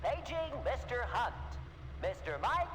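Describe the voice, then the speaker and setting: Loudspeaker paging announcement, ship announcer, high voice, sing-song rise and fall. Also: male voice, big pitch swings, measured pace, full character voice. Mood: formal. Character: adult male ship announcer paging passengers. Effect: paging announcement over a loudspeaker. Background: game music.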